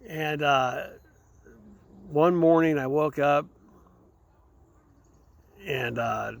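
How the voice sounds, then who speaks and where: Gravelly man telling a raw story. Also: fairly high pitch. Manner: rambling, halting, repeats words. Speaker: show host. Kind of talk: candid personal storytelling.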